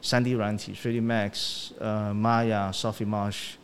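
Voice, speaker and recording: A man, chatting as an interview guest, halting and often repeating short affirmations, dropping in English words. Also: fairly low pitch, little pitch movement, slight background noise. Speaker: sound director guest. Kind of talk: casual interview chat.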